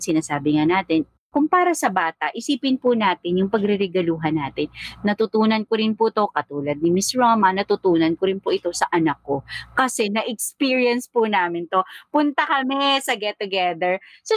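Lively storytelling woman, dry sound. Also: mid-range voice, moderate pace, no room sound. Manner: lively storytelling, mixing Tagalog and English. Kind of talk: casual chat.

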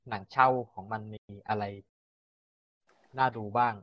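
A man co-hosting a casual film podcast, relaxed, often giving short backchannel replies. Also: on the low side, unhurried, no echo. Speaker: podcast co-host. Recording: dull lo-fi recording.

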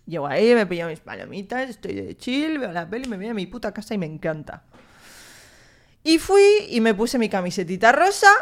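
A young woman with a Spain Spanish accent, hosting a casual podcast monologue in a chatty, slangy, mildly profane way. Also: mid-range voice. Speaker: podcast host.

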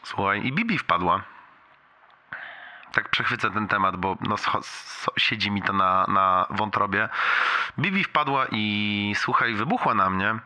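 A man leaves a long voicemail for a friend, rambling and restarting mid-sentence. His voice sits a little low, yet it has a bright, sharp and tense edge. He talks about himself in a self-deprecating way. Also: a little slow. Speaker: friend leaving a message. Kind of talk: leaving a voicemail.

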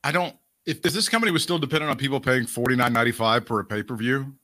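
A man's voice: mid-range voice, quick pace. A man co-hosting a podcast, chatting casually about wrestling with frequent laughs and swearing. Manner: animated, swearing, laughing often. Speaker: podcast co-host.

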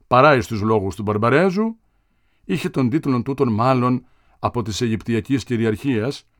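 A man narrating a literary audiobook in a measured, expressive reading style. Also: mid-range voice, no echo, studio quality.

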